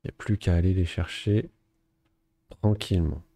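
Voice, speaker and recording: Man, let's play commentator, low gravelly voice, dark dry close sound, relaxed thinking aloud. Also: moderate pace, no room sound. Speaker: gaming video host.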